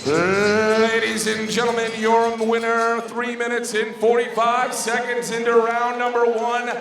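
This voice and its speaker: Booming, pumped-up male ring announcer, very high-pitched. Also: little pitch movement, measured pace. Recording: echoey arena PA from far off. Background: crowd and music.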